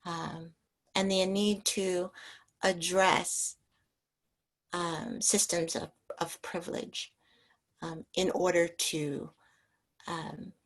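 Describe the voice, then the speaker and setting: A woman's voice: fairly low pitch, little pitch movement, drawn-out words, long pauses. A woman physician giving a talk over a video call, her audio cutting in and out, speaking hesitantly with many fillers. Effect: audio cutting in and out on a bad connection. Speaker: physician lecturer.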